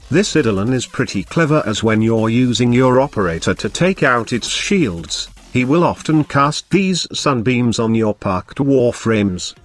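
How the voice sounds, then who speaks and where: A man hosting a gaming channel, giving an earnest scripted voice-over tutorial with a dry touch of sarcasm. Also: medium pitch. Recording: background music under voice-over.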